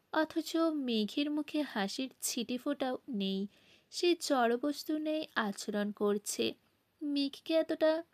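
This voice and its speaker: A woman reading a romantic novel aloud in a calm, steady narration. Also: high voice. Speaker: audiobook reader. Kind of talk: storybook narration.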